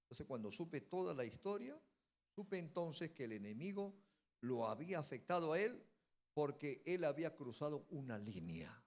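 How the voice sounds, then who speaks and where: A man, a pastor telling a story in a sermon and building to loud, emphatic preaching. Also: fairly high pitch, sing-song, normal speed. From Peru.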